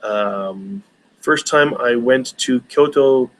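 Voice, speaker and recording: A man's voice: mid-range voice, slow pace, rough recording. A man in his forties hosting a casual live stream Q&A, rambling with many hesitations and restarts. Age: 40s.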